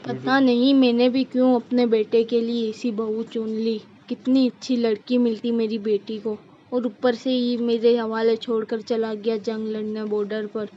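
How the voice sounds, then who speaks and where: A woman voicing a bossy, scolding middle-aged mother-in-law in a cartoon, with a sharp, commanding way of talking. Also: fairly high pitch, flat delivery, normal speed, slight background noise, natural voice. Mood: grumbling. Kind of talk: cartoon voice acting. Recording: dull lo-fi recording.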